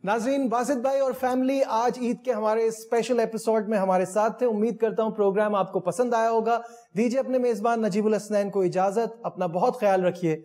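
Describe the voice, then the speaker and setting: A man's voice: high voice, fairly even intonation, few pauses, mellow. A man from Pakistan hosting a sports talk show, friendly and affirming toward his guests.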